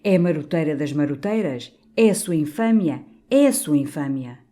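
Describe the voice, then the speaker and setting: A woman's voice: low-pitched, expressive, measured pace, warm tone. A woman voicing an old, stout, blustering canon priest who bellows in outrage, for an audiobook. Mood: furious.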